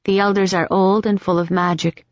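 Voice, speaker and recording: A woman's voice: mid-range voice, flat delivery, moderate pace, no echo, natural voice. A woman voicing a spirited, stubborn young woman who talks in a wry, teasing and determined way. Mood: earnest. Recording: dull, dry audiobook recording.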